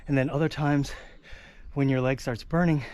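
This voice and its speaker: A man's voice: medium pitch, steady tone, moderate pace, a little mellow, smooth. Breathless man explaining outdoors. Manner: breathless, explaining technique between tries. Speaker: foiling vlogger. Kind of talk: casual explanatory talk. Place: outdoors on a lake.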